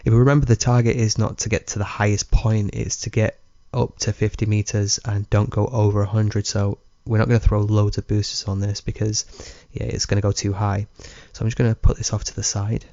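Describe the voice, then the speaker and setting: A man giving relaxed, rambling commentary on his game, chuckling often. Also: on the low side, a little fast, hardly any pauses, no room sound, muffled recording. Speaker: let's play gamer. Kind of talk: casual gameplay commentary.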